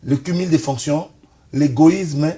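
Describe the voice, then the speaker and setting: Taking his time, a man from Kinshasa, Congo, offers insistent political analysis on a talk show, holding his ground when interrupted. His voice is a little high, warm and slightly rough.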